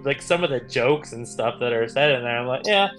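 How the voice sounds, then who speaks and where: A man's voice: medium pitch, expressive, fairly quick, fairly bright tone, soft background music. A young man co-hosting a podcast, chatting casually and telling rambling stories with the odd swear word. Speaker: podcast co-host. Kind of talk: casual chat.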